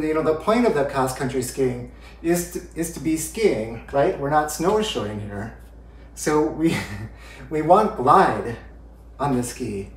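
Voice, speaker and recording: A man in his thirties walks through how skis work, speaking a little above the usual pitch for a man. He explains step by step while demonstrating, heard from a camera set well back. His voice carries the bounce of a roomy living room. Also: far from the mic, a little hiss or hum. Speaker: ski instructor. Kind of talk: home demonstration tutorial. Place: living room by a brick fireplace. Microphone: far camera.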